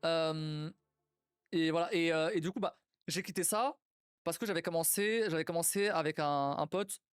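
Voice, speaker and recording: A young man with a slightly higher voice talks casually on a live stream, rambling and swearing as he goes. Faint music plays softly behind him. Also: moderate pace, clear, resonant tone, no echo. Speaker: streamer and game developer.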